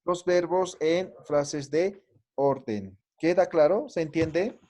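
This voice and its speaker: A man's voice: a little high, slow, warm tone. A man teaching a language class, patiently explaining and often checking that the students follow. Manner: patient, checks understanding with frequent tag questions. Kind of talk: classroom lesson.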